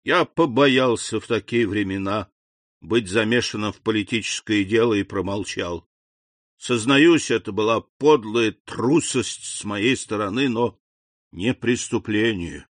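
A man voicing an anxious, remorseful middle-aged innkeeper who pleads in a hurried confession in an audiobook. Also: fairly low pitch, no echo, close to an everyday voice. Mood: guilty. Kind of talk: audiobook character voice.

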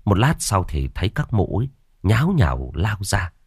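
A man narrating a ghost story in a dramatic, lively storytelling manner. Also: sits low, normal speed, breathy edge, no echo, clean studio sound.

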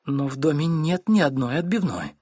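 A man's voice: on the high side, lively intonation, normal speed, a little mellow, slightly rough, no echo, clean studio sound, voice pushed up. A man voicing a timid, frightened young wife who speaks meekly and falters in an audiobook. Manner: meek, faltering.

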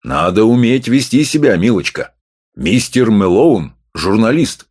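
A man reading an audiobook, voicing a gruff, domineering middle-aged professor who growls and mocks. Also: fairly low pitch, lively intonation, unhurried, darkish tone, no echo, clean studio sound. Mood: gruff mocking. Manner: growling, mocking.

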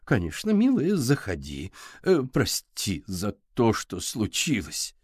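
A man's voice: fairly low pitch, huge pitch swings, slow, darkish tone, breathy edge, no room sound, clean studio sound, exaggerated voice. A man voicing a nervous, evasive older woman librarian who hesitates.

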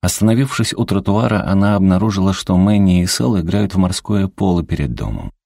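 A man narrating an audiobook in an expressive, lively storytelling manner. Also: low-pitched, a little fast, gravelly, no echo, clean studio sound.

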